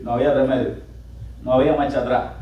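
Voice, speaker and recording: A male pastor preaching a sermon, animated and building up to loud exclamations, recorded in a church sanctuary. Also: medium pitch, fast talker, distant mic, highs cut off, a little hiss or hum. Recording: echoey church hall miked from afar.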